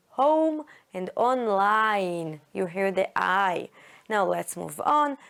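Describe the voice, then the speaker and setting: Slow, gravelly-voiced woman teaching English. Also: medium pitch. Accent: Israeli. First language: Hebrew. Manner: careful, drawn-out explaining with repeated words. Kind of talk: slow classroom lesson for children.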